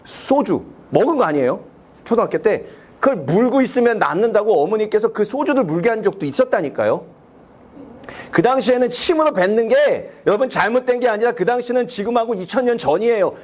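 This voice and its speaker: A man from South Korea, a pastor preaching a sermon in church, asking the congregation questions and acting out prayers. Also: extremely high pitch. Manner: acts out quoted prayers in a raised, slowed voice. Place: church sanctuary.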